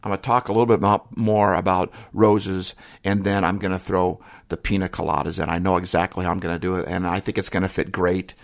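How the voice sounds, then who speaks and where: A middle-aged man hosting a solo podcast, talking in an earnest, emotional way, often trailing off quietly at the ends of his thoughts. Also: low-pitched, flat delivery, a little fast, creaky, hardly any pauses. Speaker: podcast host. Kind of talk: reflective solo podcast talk.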